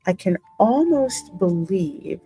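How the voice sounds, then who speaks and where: Narrating a story game for her gaming channel, a woman reads slowly and drops in spoken asides with her reactions. Her medium-pitched voice is mellow and swings widely in pitch, with music in the background.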